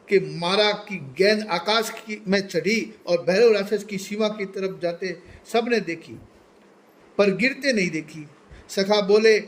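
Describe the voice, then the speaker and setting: High-voiced man telling a devotional tale. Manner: reverent, voices characters' pleas. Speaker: storyteller. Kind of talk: devotional story narration.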